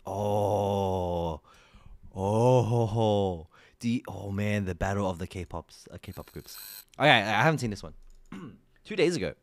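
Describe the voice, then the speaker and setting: A young Australian man streams from a small room into a desk mic, casually reacting to music videos. His lowish voice is expressive and a bit slow, with no echo, and he laughs a lot and rambles with repeated words.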